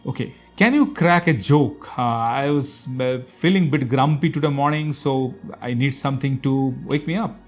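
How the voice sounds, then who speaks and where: A man's voice: medium pitch, normal speed, hardly any pauses, soft background music. A man with an Indian accent, from India, hosting a step-by-step tech tutorial and chatting with a voice assistant, explaining with plenty of fillers.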